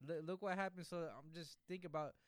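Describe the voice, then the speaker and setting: A man's voice: on the high side, fairly even intonation, fast, dry recording, studio quality. A man co-hosting a sports podcast in loose, profane, joking banter. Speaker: podcast co-host. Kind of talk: casual sports chat.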